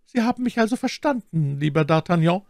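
A cunning noblewoman who coaxes and commands, high and sweet on the surface with menace beneath, as a male reader puts her on. The voice climbs well above a man's usual range and swings widely. Dry, close recording. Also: lively intonation, brisk, gravelly, a little mellow, no room sound. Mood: coaxing. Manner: coaxing, imperious. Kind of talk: audiobook character voice.

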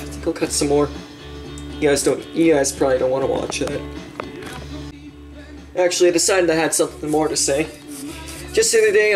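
A young man chatting casually while cooking in his home kitchen, rambling with lots of fillers and the odd swear word. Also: on the high side. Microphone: handheld camera mic. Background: music playing in the kitchen.

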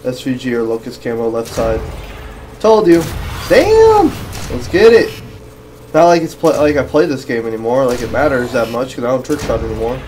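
A man's voice: medium pitch, steady tone, fast talker, few pauses, a little mellow, a little hiss or hum. A young man doing casual gameplay commentary in a sweary, slangy, complaining way. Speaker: gaming video host.

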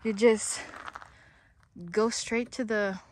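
Woman, travel vlogger, casual outdoor narration, slow and easygoing, laughs often, handheld camera. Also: fairly high pitch, level tone, darkish tone, a little hiss or hum. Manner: chatty, laughs often, coos to her baby. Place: outdoors on canyon trails.

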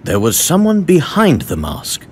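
A man with an English accent playing a composed, courteous gentleman professor in an animated game. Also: a little high, slight background noise. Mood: firm, explaining. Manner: measured, courteous, earnest. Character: composed, gentlemanly adult male professor and detective. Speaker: voice actor. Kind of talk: animated game cutscene acting. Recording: loud orchestral music behind.

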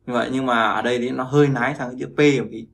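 A man's voice: medium pitch, steady tone, racing, gravelly, slight background noise. A man teaching pronunciation, repeating sounds and often checking that listeners follow. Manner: repetitive, keeps checking with listeners. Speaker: language teacher. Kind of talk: explaining pronunciation lesson.

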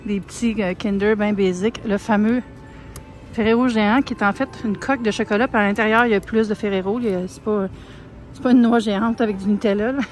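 A Québécois vlogger chats while shopping in a large grocery store, filming on a handheld phone with faint store music in the background. Her medium-pitched voice is steady and quick, peppered with fillers and soft asides. The audio is poor.

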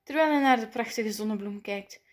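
Higher-voiced woman reading a picture book. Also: brisk. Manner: lively, playful voices for the characters. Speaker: storybook reader. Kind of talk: expressive children's picture book read-aloud.

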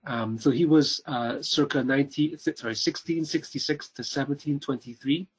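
A man's voice: mid-range voice, moderate pace, husky, poor audio. Hesitant man giving a medical lecture. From Canada. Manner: hesitant, many ums and uhs and repeated words. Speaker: cardiologist lecturer.

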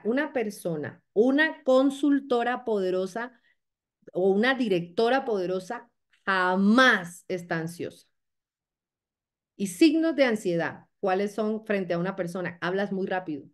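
A woman giving a motivational training talk to her sales team, coaching them and checking in often with short questions. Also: medium pitch.

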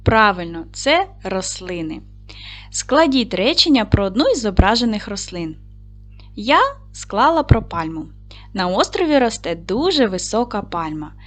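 A woman teaching an online lesson to young schoolchildren, speaking slowly and clearly in an encouraging classroom manner. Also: mid-range voice, very animated.

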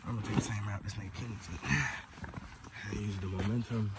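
A man's voice: on the low side, steady tone, fast talker. Hyped young man vlogging a snowy climb. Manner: slangy, hyped, talks straight to viewers. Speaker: vlogger filming himself. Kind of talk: casual vlog narration while climbing. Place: snowy rocky mountain trail outdoors. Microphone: handheld phone camera. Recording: outdoor wind and handling noise.

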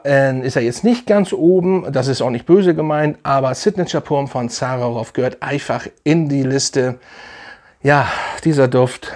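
A man's voice: medium pitch, a little mellow. A man casually reviewing fragrances for his channel, enthusiastic and rambling, with many fillers and restarts.

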